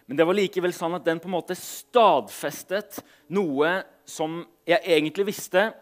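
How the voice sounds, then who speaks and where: A man with a rather high voice gives a sermon, reading scripture out loud and then talking in a casual, hesitant manner. The ends of his phrases fade out softly.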